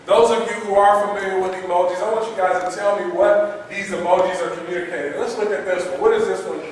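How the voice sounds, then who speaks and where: A fairly high-pitched man preaching as a pastor, upbeat and conversational, stacking repeated words for emphasis and tossing questions to the congregation. He sounds distant from the mic, his voice ringing through a very echoey church hall with a long tail of reverb and faint noise underneath. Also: steady tone, fast. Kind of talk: sermon.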